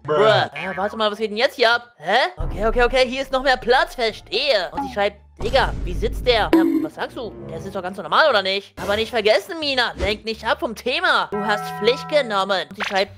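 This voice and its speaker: A young woman narrating her game play in a lively, excitable way, reading chat messages aloud in playful voices. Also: medium pitch, brisk, hardly any pauses, music in the background. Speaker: gaming YouTuber. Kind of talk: narrating Roblox gameplay.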